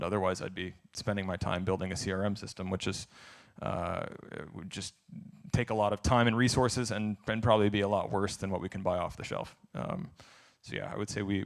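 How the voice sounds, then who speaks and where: A man speaks at a conference Q&A in a low, somewhat deep voice with a gravelly edge. He answers candidly and thinks aloud as he goes. He has the plain manner of a speaker working through his answers. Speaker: speaker answering audience questions. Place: conference event.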